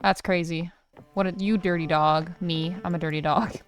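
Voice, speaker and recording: This gaming streamer is a young woman with a lowish voice, speaking at a normal speed in a steady tone. Her let's play commentary is casual, slangy, reactive and full of swearing, with game music and slight background noise in the recording.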